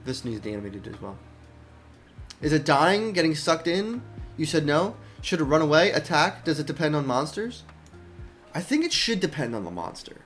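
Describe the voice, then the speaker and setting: A man's voice: on the high side, sing-song, moderate pace, a bit bright, soft background music. A young man, an indie game developer, chatting casually while showing his game, rambling with many restarts and thinking aloud. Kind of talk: casual dev stream chat.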